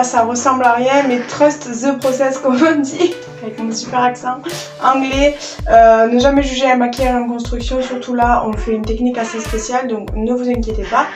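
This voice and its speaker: A woman's voice: fairly high pitch, reverberant. A woman, chatting her way through a makeup tutorial and explaining each step. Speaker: beauty vlogger. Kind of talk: casual makeup tutorial narration.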